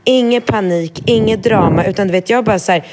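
A woman and mother of three telling a story in casual chat, lively, swearing and acting out what people said. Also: mid-range voice, slight background noise. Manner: lively storyteller, swears, acts out quoted voices. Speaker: mother of three small children.

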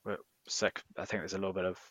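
A man's voice: low-pitched, level tone, quick pace, fairly bright tone, no echo. A man co-hosting a football podcast, speaking hesitantly with many fillers. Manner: hesitant, lots of "you know" and "um". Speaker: podcast co-host. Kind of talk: casual sports podcast chat.

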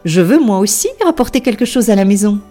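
A woman voicing a frightened but brave little girl who calls out in high, pleading cries. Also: expressive, a little fast, dark tone, soft background music, lightly acted.

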